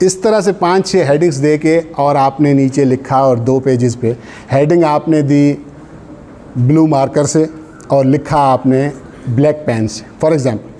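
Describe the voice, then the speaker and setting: A man from Sindh, Pakistan, with a Pakistani accent gives informal exam coaching in a classroom-lecture style, instructive and checking in with short tags. He often switches into English terms and phrases. His voice is fairly high and dark-toned, his pace unhurried, with slight background noise.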